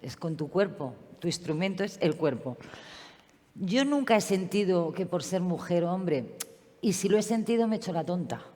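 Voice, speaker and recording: Woman, 50s, colloquial and chatty panel talk, lowish voice, long reverb. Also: normal speed. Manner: colloquial, lively storytelling. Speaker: panelist and former ballet director. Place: museum venue at a political convention.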